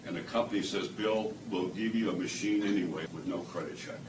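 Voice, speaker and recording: Here a man whose voice sits low speaks a little fast, recounting his testimonial as a story for a small live audience at a product demo. He animates the quoted exchanges and laughs frequently. The capture is distant and echoey, with noticeable background noise indoors.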